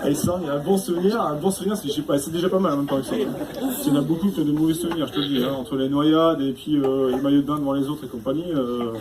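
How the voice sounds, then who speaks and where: High-pitched guy doing stand-up, teasing the crowd, chatty, noisy live room. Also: steady tone, rapid-fire. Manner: chatty, teasing the audience, constant tag questions. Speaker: stand-up comedian. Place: stage before a live audience.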